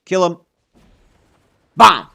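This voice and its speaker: This streamer speaks extremely slowly with a sharp tone, casually chatting while he plays a video game. His thoughts come out hesitant and trailing as he talks through them in laid-back livestream commentary.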